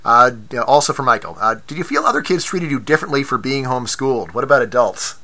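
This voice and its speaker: A man's voice: mid-range voice, animated, fast talker, pushed and bright. A middle-aged man hosting a casual podcast interview, asking playful questions and often cutting in. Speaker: host interviewing his sons.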